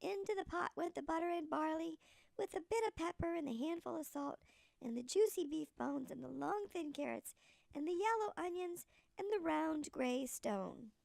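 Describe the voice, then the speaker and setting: High, creaky sweet-old-lady storyteller. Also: lively intonation, normal speed, a little mellow, no echo. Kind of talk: scripted storybook narration.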